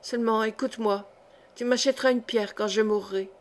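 Woman doing frail old coachman, hoarse, faint, sits a little high. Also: steady tone, fairly quick, lightly acted. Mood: weary. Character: dying old male coachman, weak and hoarse.

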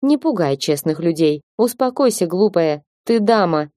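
A woman's voice: lowish voice, expressive, moderate pace, mellow, dry recording, studio quality, lightly acted. Woman voicing a sly snarky talking cat. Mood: bossy. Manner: teasing, bossy, mocking. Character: sly snarky male talking cat, heard in the heroine's head. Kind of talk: audiobook character reading.

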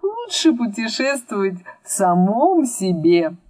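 A woman's voice: a little high, big pitch swings, takes it slowly, darkish tone, no room sound, voice pushed up, heavily acted. A woman reading a wise, stay-at-home old male storyteller who pleads in flowery, ironic phrases. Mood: pleading. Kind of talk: audiobook reading.

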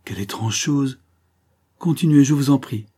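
A man reading an audiobook, voicing an earnest young woman with a husky voice who speaks with urgent feeling. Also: medium pitch, moderate pace, warm tone, voice pushed up, close to an everyday voice. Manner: pleading, emotional.

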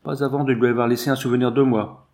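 A man reading a story aloud, voicing a cruel, arrogant young man who threatens and shouts orders. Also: mid-range voice, level tone, fast, lightly acted. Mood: cruel, haughty. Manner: haughty, threatening, shouts commands.

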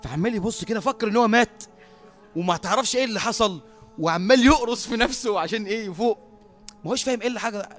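An Egyptian man preaching a sermon as a lively storyteller who often laughs at his own tale. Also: high voice, racing, soft background music.

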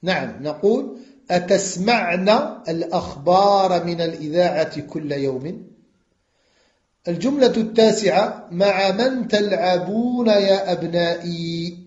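A man teaching an Arabic grammar lesson, slow and deliberate, repeating words for his students and switching into French to explain. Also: high-pitched, darkish tone. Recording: echoey, dull lo-fi recording.

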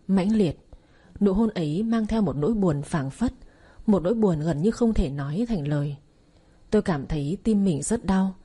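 Mellow breathy woman narrating. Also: lowish voice. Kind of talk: scripted narration. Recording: faint music behind.

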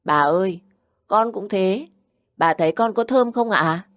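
Woman doing a sweet little boy, high and chirpy. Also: expressive, unhurried, a bit bright, dry recording, clean studio sound. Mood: sweet, curious. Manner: chirpy and polite, tearful when upset.

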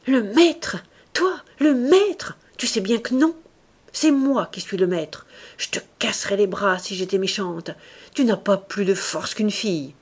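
In an audiobook of a classic novel, a woman voices a fierce, domineering young woman, imperious and threatening, raising her voice. Her own voice is mid-range, natural and moderately paced.

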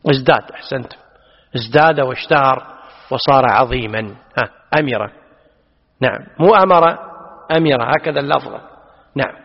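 A man's voice: medium pitch, moderate pace, vocal fry, long pauses, husky. A man teaching a lesson on a classical text, patiently explaining and putting questions to his students. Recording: dull audio, long hall reverb.

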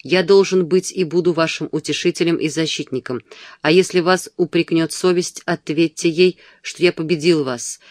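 A man reading an insistent, passionate gentleman suitor. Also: fairly high pitch, steady tone, moderate pace, no room sound, clean studio sound, natural voice. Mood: pleading. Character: ardent, domineering young gentleman suitor. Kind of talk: audiobook dialogue.

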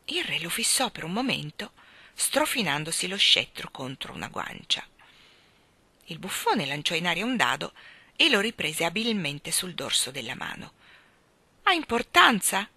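A woman narrates a children's storybook with calm, expressive pacing. Her voice is bright and crisp, and the recording is dry and close with no room echo. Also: on the low side, normal speed. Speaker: reader. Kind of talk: storybook reading aloud.

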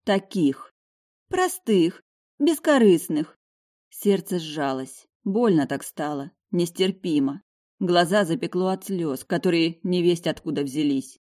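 A woman narrating a first-person novel in a steady, intimate storytelling manner. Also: lowish voice, a little slow. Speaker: audiobook narrator.

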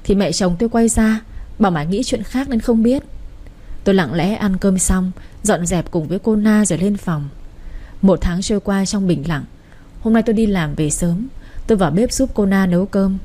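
Woman storyteller, soft dark timbre, keeps one steady voice for the whole cast. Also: medium pitch, moderate pace. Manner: reads every character in her own voice, with little change. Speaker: story narrator. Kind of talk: narrating a romance story.

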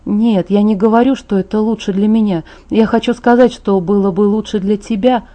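A woman voicing a young woman full of guilt in a storybook reading. She pleads in a soft, mellow tone that climbs high when the tears come. Her voice stays gentle. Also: fairly even intonation, moderate pace, close to an everyday voice. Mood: pleading. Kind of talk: audiobook character voice.

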